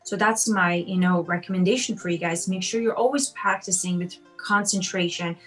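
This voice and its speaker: A woman's voice: fairly low pitch, steady tone, normal speed, faint music behind, rough recording. Encouraging woman pianist answering questions. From Austria. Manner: warm, encouraging, many ums and you-knows. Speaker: piano teacher and competition judge. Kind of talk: answering interview questions on a video call.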